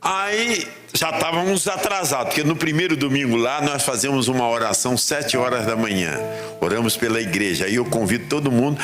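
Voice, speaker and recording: A man with a Rio de Janeiro accent, a pastor preaching a sermon and telling funny stories. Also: medium pitch. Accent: Rio de Janeiro Portuguese. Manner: humorous storytelling, animated. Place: church hall. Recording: echoey church hall. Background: music.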